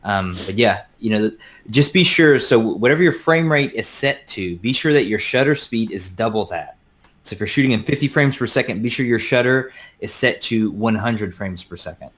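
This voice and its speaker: Male guest, lowish voice, friendly explainer, call-in sound, hesitant pauses. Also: animated, a bit bright. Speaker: guest drone pilot. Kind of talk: casual video-call chat.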